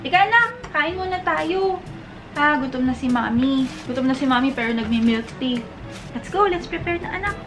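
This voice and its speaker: A woman's voice: sits high, expressive, moderate pace, over music. A young Filipino woman vlogging at home as a mother, chatting to camera in a casual way and talking to her toddler in a sing-song voice. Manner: chatty, mixes English into Filipino, sing-song baby talk to her child.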